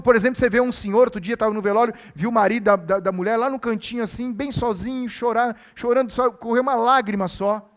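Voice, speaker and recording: High-voiced man preaching earnestly. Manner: earnest, exhorting, repeats key phrases. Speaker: pastor. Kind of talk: sermon.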